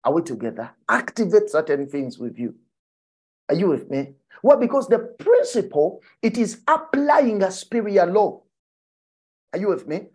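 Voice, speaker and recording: A woman's voice: mid-range voice, very animated, moderate pace, a little mellow, breathy edge. A woman preaching a sermon, exhorting her listeners, repeating her lines and checking in with the congregation. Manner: emphatic exhorting.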